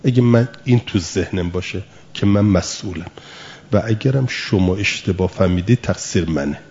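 A man's voice: sits low, a little mellow, dull audio. A man teaching a lesson, patiently explaining through everyday examples and asking rhetorical questions. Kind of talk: spoken lesson.

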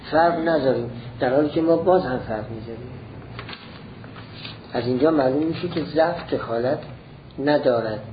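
A man gives a slow, deliberate lecture on a classical text, building each point step by step and repeating it. The recording is dull and lo-fi. A faint ambience sits behind his medium-pitched voice. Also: background noise. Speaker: teacher of philosophy.

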